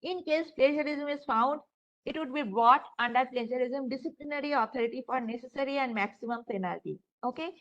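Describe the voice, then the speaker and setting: In a lo-fi, dull recording that seems to come from a classroom room mic, a high-pitched woman with an Indian English accent gives a university lecture. Her style is casual and conversational, full of fillers such as "uh" and "you know," and she speaks straight to the students before her.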